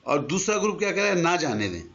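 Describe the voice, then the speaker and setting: An older man teaches Arabic grammar in a conversational lesson, patiently giving examples and slipping in English words. His fairly high, fairly bright voice has a sing-song quality. The recording is dull and lo-fi.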